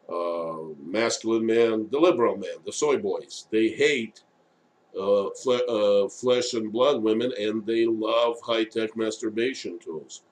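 Male live-stream commentator, lower-pitched and slow, off-the-cuff monologue broken by frequent hesitations. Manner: halting, frequent long hesitations and filled pauses. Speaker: live stream host, independent political commentator.

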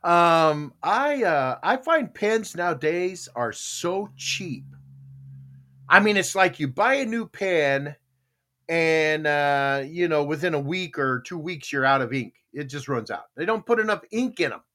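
A male host speaks in a bright, forward voice at an unhurried pace. His pitch moves around a lot as he chats casually and reads aloud, leaning theatrically on his words. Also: lively intonation. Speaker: talk show host. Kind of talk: casual chat mixed with reading aloud.

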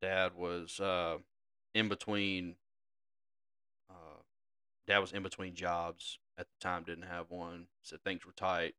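Young co-host, animated laughing storyteller, bright and crisp tone. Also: male voice, low voice, slow pace, long pauses. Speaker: podcast co-host. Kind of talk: casual storytelling.

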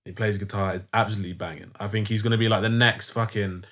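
Male, lowish pitch, London roadman accent, slangy and sweary casual chat. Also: fairly even intonation, quick pace, fairly bright tone.

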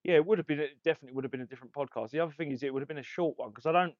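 A man's voice: on the high side, very fast, dull audio. A man co-hosting a podcast in casual chat, laid-back and agreeable, a little out of breath. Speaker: podcast co-host.

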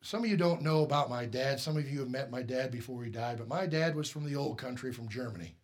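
A middle-aged male pastor preaching a sermon, telling a personal story, shifting from quiet asides to loud, emphatic peaks. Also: mid-range voice, fast.

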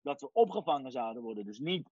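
A man in his forties from Iran, a guest telling his life story in a lively casual way, sprinkling in English phrases. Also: medium pitch, fast talker, slightly rough. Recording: dry, dull lo-fi sound.

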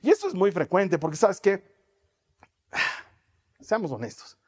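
High-pitched male preacher, lively sermon storyteller who laughs often. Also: slow.

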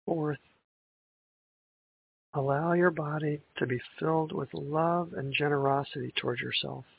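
A man guiding a breathing meditation in a calm, gentle, meditative tone, on a thin band-limited recording. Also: fairly high pitch, measured pace, creaky. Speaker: meditation guide. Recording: tinny band-limited audio with hiss.

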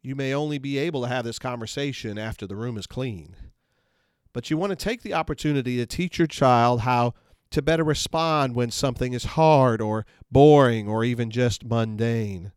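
A man's voice: medium pitch, darkish tone, smooth, no room sound. Earnest man teaching parents, dry sound. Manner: earnest, measured instructional delivery. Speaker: podcast host.

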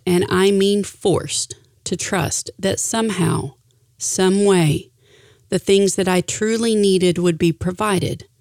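Middle-aged woman, lower voice, earnest scripted reflection, deliberate emphatic phrasing, dry close sound. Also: darkish tone, no echo. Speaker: speaker sharing a personal reflection. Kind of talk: scripted personal reflection, read aloud.

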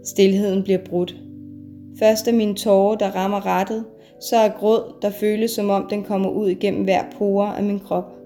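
Mom reading her own story out loud, slow and heavy, mellow dark voice, soft guitar playing under it. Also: mid-range voice, level tone. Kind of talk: scripted first-person narration. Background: soft guitar music.

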